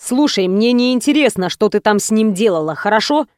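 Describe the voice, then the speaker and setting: Woman doing an angry jealous young man, gruff, curt, scornful, mid-pitched voice, dry close recording, audiobook. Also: moderate pace, darkish tone, dry recording, lightly acted. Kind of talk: audiobook character voice.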